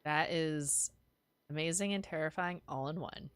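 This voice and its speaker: A woman's voice: low voice, measured pace, no room sound. A woman chatting casually and playfully while gaming on a livestream. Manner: playful, bantering. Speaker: livestream gamer.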